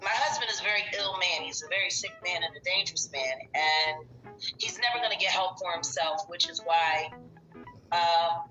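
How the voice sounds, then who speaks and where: Woman, chat guest. Bright forceful voice, blunt, emphatic delivery, roomy echoing sound. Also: fairly low pitch, moderate pace, faint music behind. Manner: blunt, emphatic, point-by-point arguing. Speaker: interviewed guest. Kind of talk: casual chat.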